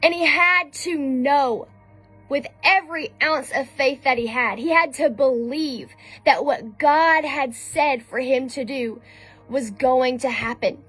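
A woman gives an informal sermon in a relaxed, conversational way, often pausing with ums and starting sentences over. Her voice sits a little high for a woman. Soft music plays faintly beneath her. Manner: conversational, with frequent ums and restarts. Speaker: speaker giving a devotional message.

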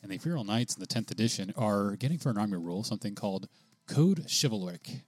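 Low-pitched guy co-hosting a gaming chat, reads rules out loud, dry mic with faint music under it. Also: expressive, quick pace, no room sound. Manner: chatty, laughs often, reads rules aloud. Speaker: podcast co-host.

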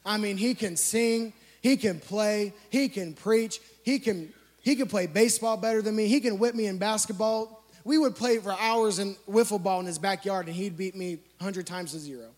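A man with a notably high voice preaches through a playful, self-mocking personal story. His delivery is animated and lively. The sound carries a long reverb from a large church hall. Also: normal speed. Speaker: youth speaker. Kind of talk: storytelling sermon.

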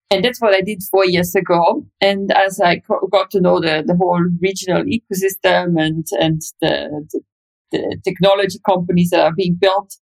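A woman from Austria recounts her path into investing as a podcast guest. Her voice sits fairly low with a gravelly, fry-laden edge, and she speaks in a relaxed, plain manner. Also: poor audio. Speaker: venture capital investor. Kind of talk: interview guest telling her background.

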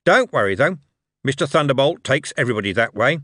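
A man's voice: mid-range voice, animated, brisk, fairly bright tone, no echo, clean studio sound, pitched above the performer's own voice. A man voicing a jovial, shrewd older male tycoon who talks in coarse, chummy street slang. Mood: amused.

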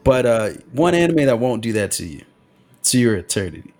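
A man co-hosting a podcast in casual chat, excitable and quick to swear as he talks. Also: medium pitch. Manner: animated, excitable, swears freely. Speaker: podcast co-host.

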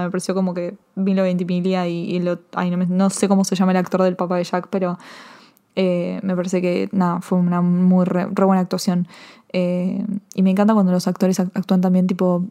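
A woman with an Argentine accent casually reviewing a TV episode, rambling and excitable, full of fillers and restarts. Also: on the low side. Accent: Argentine Spanish. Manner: excitable, emotional. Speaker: TV series reviewer.

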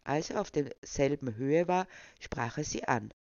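A storyteller reading a short story aloud in an even, measured way. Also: mid-range voice, dry recording. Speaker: narrator. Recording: dull, dry recording.

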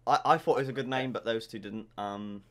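A man's voice: mid-range voice, a little fast, a bit bright, a little hiss or hum. A teenage man, co-hosting a podcast in joking, chatty casual talk. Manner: joking, chatty, drifts off with fillers. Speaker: podcast co-host. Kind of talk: casual chat.

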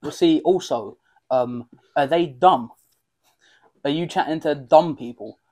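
A man's voice: fairly high pitch, a little slow, dark tone. A young man, co-hosting a casual podcast with loose banter and free swearing. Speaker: podcast co-host. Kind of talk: casual chat.

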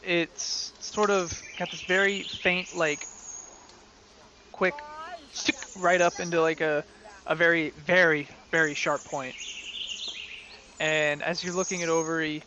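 A man narrating a tabletop game as game master, describing scenes in a relaxed way full of fillers, on a slightly dull lo-fi recording. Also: a little high, slow, long pauses, a little hiss or hum.

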